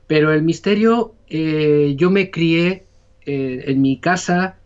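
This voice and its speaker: A man's voice: fairly high pitch, slow pace, smooth, highs cut off. A man from Spain with a Spanish accent, a podcast guest telling his story in a casual, rambling way full of fillers. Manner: rambling, many fillers and restarts. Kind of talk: casual conversation.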